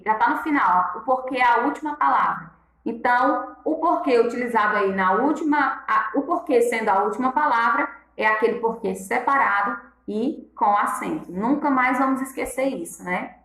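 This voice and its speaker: A woman's voice: fairly high pitch, lively intonation, normal speed, fairly bright tone, roomy sound, poor audio. A woman teacher going through exercise answers one by one, patiently repeating each rule and checking in with her students. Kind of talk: classroom lesson, correcting exercises.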